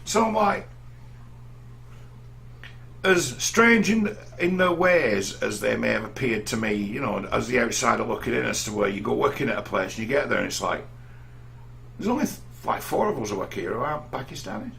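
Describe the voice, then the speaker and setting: A man's voice: medium pitch, expressive, normal speed, creaky, fairly bright tone, slight background noise. A middle-aged man from England telling rambling personal stories in a casual monologue, often restarting his sentences. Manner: rambling, anecdotal, frequent restarts. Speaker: vlogger.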